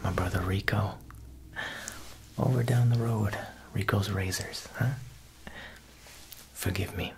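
A young man performs an ASMR roleplay, whispering as a tailor who is a joking, faintly menacing Italian mob boss, full of wiseguy talk and frequent "huh" tags. His voice is on the low side and gravelly, with poor audio.

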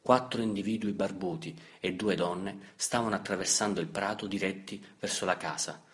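A man reading a novel aloud as an audiobook narrator, in a measured, steady way. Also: low-pitched. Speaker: audiobook reader. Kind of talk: scripted literary narration.

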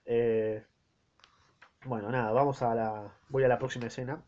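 A man's voice: medium pitch, flat delivery, moderate pace, dark tone, highs cut off. Man with a Rioplatense accent, cracking jokes. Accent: Rioplatense Spanish. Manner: irreverent, slangy, joking. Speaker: podcast host reading a play aloud. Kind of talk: casual reading with joking asides.

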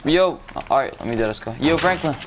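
A young man talking over a gaming headset in an online voice chat. He swears freely and needles the other players in a mocking, teasing way. His voice sits at a middling pitch, with a faint hiss behind it. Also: animated, fairly quick. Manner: profane, teasing. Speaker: gamer in voice chat.

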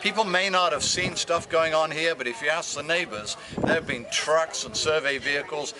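A man's voice: on the high side, moderate pace. A man in his fifties who leads an ocean research group, talking earnestly and with enthusiasm in an outdoor interview, often restarting his sentences. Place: outdoors by a brick building and truck. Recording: outdoor street noise and voices.

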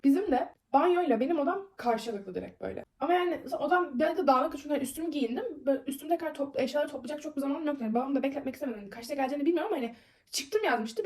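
A young woman talks straight to the camera in a casual storytime vlog. Her voice sits high and she races through the telling, rambling and packing in fillers. She sounds upset and keeps venting. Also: a little mellow.

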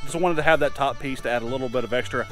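A man's voice: mid-range voice, very fast, soft background music. A man in his thirties talking through a farm project in a casual outdoor vlog, chatty and plain-spoken with lots of fillers, filmed on a camera held at arm's length in a grassy yard. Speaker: homesteader vlogger. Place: outdoors in a grassy farmyard by a metal building. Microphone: action camera held at arm's length.

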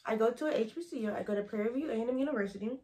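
A woman's voice: on the high side, rapid-fire, dark tone. A young college woman talking casually to her camera, rambling and easily sidetracked as she gives advice. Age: young adult. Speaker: vlogger. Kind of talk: casual chatty advice vlog.

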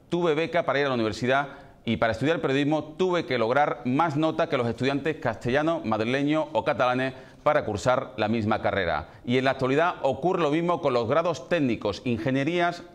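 A man in his forties with an Andalusian Spanish accent, presenting an emphatic, indignant editorial in a rhetorical style. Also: medium pitch. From Andalusia, Spain. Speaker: news programme presenter. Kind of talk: editorial commentary to camera. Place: television studio. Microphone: lapel mic.

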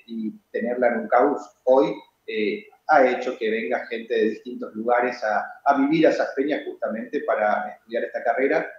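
A man, a university rector explaining things in a measured way, with many hesitation fillers, on a TV interview over a video call from his office. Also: mid-range voice. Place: office with flags and bookshelf. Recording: roomy, dull video-call audio.

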